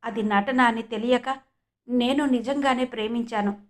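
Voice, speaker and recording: A woman reads as a wounded young woman confessing in a subdued, halting voice. The tone sits a little high and stays restrained. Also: steady tone, natural voice. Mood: tearful. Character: young woman hurt and tearful.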